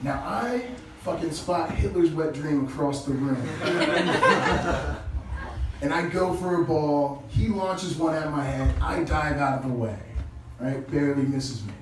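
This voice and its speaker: A male stand-up comedian with a casual, crude delivery who chuckles at his own jokes, heard through low-quality stream audio. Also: lively intonation, takes it slowly. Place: small comedy club stage. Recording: echoey low-quality stream from far off with noise.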